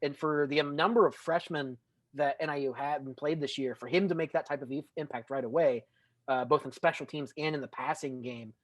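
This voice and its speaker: A man's voice: a little high, fairly quick, dry recording. Rambling man on a football chat show. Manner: rambling, stumbling, dry humor. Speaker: co-host. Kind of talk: casual sports podcast chat.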